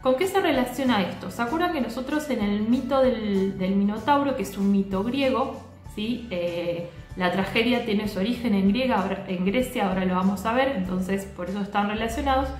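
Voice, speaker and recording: A woman teacher explaining a lesson to her students, often pausing to check that they follow. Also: medium pitch, faint music behind. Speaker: literature teacher. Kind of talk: recorded class lecture. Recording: echoey room.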